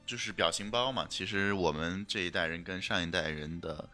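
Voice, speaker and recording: A man's voice: deep voice, a little fast, bright, forceful tone, faint music behind. A man co-hosting a casual chat podcast, musing aloud in a playful, giggly way. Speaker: podcast co-host.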